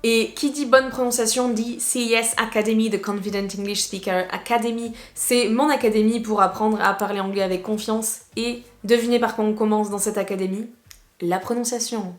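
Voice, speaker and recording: In a relaxed video lesson, an English teacher from southwest France chats in a lively way, weaving English phrases into her talk. She has a southwestern French accent and a fairly high voice at a moderate pace, recorded with a roomy sound.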